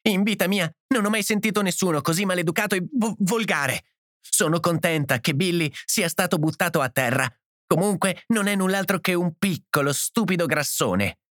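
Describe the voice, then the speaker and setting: A woman's voice: big pitch swings, moderate pace, hardly any pauses, dry recording, studio quality. A man voicing a tearful, indignant young mother. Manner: high, sobbing, breaking voice.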